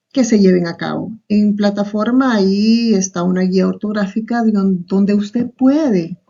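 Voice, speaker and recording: A woman's voice: mid-range voice, mellow. A woman teacher with a Salvadoran Spanish accent, giving a recorded online class and explaining step by step, often tagging on a questioning aside. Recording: muffled lo-fi recording.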